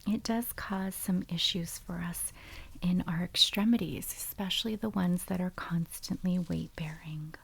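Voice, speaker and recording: A woman doing a whispered role-play as a calm, gentle foot doctor, explaining each step softly and methodically in a breathy whisper. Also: lowish voice, a little slow. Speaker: ASMR performer playing a foot doctor.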